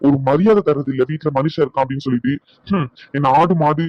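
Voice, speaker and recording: A man's voice: fairly high pitch, fast talker, dry recording, natural voice. An actor playing a short-tempered husband who scolds his wife with bitter sarcasm, in a dull lo-fi recording. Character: angry proud husband, adult man, short-tempered. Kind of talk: Tamil family drama acting.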